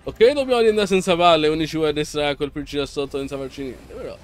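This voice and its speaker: Man, let's play host, excitable, yells at the boss, slightly high voice. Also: quick pace, clear, resonant tone. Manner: excitable, yelling and pleading at the boss. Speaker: gameplay channel host.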